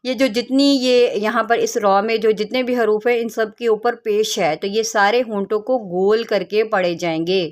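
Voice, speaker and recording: A woman teaching Quran reading who spells each letter by its vowel mark, blends the syllables and repeats them, with quick explanations between. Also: medium pitch, steady tone. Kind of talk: slow spelled-out recitation lesson.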